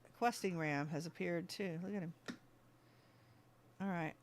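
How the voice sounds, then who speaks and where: This gaming streamer keeps up casual commentary while playing, frequently chatting with the game's animals and with themselves. The voice is mid-range and unhurried, with slight background noise.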